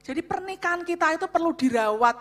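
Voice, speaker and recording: A woman delivers a sermon on marriage in a high, bright voice. She speaks loudly and with emphasis, repeatedly addressing the listeners directly. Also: lively intonation, fast talker, soft background music. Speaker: co-speaker at a church revival on marriage. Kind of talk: sermon-style talk to a congregation.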